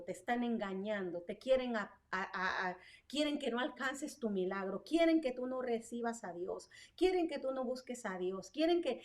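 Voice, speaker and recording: A woman preaching a streamed sermon with fervor, her voice sitting fairly high. She keeps asking rhetorical questions and checking in with her listeners as she goes. She sounds a little distant from the microphone. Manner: fervent, rhetorical questions, frequent tag "¿verdad?" and fillers. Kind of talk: online sermon. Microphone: online stream.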